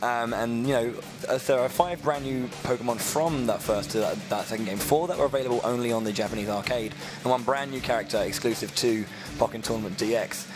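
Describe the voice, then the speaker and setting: A British man giving conversational tournament analysis in a halting way, often repeating his words. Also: mid-range voice. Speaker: esports analyst. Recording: music playing behind the voice.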